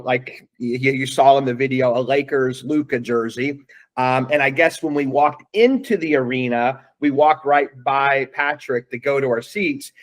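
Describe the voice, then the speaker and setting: A middle-aged father tells a long story in a relaxed interview. He talks in an earnest, rambling way, full of fillers and restarts, at a middle pitch. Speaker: guest, father.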